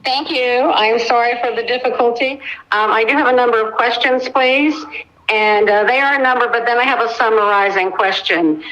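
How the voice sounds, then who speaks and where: A woman's voice: a little high, normal speed, a bit bright, muffled recording. A woman calling in over a phone on speaker, methodically reading a list of questions as a public commenter at a council meeting. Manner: methodical, lists questions one by one. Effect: heard over a phone on speaker. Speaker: caller making public comment.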